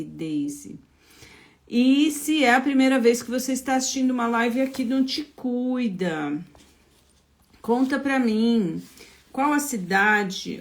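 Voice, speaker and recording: A Brazilian woman with a São Paulo accent, a therapist hosting a casual live stream, greeting viewers by name in a chatty way. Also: fairly high pitch. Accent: São Paulo Portuguese.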